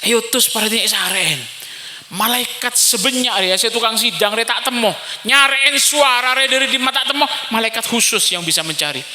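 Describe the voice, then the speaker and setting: A man preaching a lively, story-driven sermon to a live congregation. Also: very high voice, brisk. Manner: storytelling, animated, mixing in regional words. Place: large hall with a live congregation. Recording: echoey hall, faint ambience.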